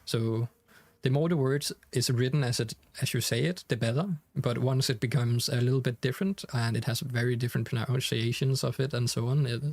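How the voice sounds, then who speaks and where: A young Danish-accented man chats casually with viewers during a live game stream, talking a little fast in a steady, mid-range, gravelly voice. He's full of fillers and restarts and reads the chat aloud; there's no room sound.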